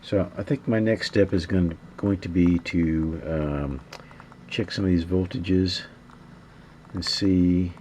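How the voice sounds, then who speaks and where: A hobbyist radio repairer with a deep voice and fairly even intonation narrates his hands-on work at an indoor workbench. He thinks aloud casually, hesitant and halting, musing to himself. The background is noisy.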